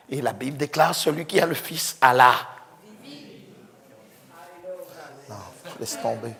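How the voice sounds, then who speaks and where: A male pastor preaching a sermon fervently, swinging from hushed tones to shouts. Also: high voice. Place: church. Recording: echoey church hall with congregation.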